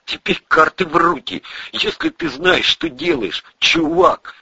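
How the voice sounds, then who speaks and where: A man's voice: wildly swooping pitch, unhurried, gravelly, pushed and bright, slightly rough, no echo, lo-fi sound, full character voice. A man doing a whiny jittery young slacker. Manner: high whiny slangy chatter. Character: jumpy young male slacker, nicotine-starved.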